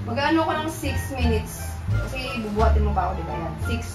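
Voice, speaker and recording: A woman's voice: a little high, very animated, a little fast. A woman talking casually, with an exclaiming manner. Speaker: vlogger doing a challenge. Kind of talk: casual chat. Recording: echoey room, distant mic, music behind.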